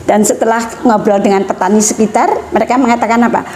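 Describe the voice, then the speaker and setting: A middle-aged woman explaining family topics in a measured, steady way. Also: fairly high pitch, a little hiss or hum. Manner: measured, explanatory, mixing in Javanese phrases. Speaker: guest speaker on family education. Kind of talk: educational talk.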